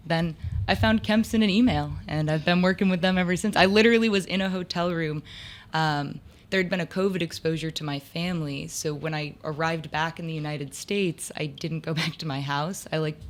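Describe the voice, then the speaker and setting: A woman's voice: low voice, steady tone, a little fast. A woman in her twenties from upstate New York, a theater actor and lighting designer, telling stories chattily in an interview with lots of "like" fillers. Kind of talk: casual interview storytelling.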